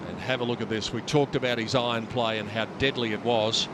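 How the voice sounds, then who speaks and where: A man working as a golf commentator, narrating tournament highlights. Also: steady tone, a little fast. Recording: crowd and outdoor noise behind. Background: loud golf crowd and outdoor ambience.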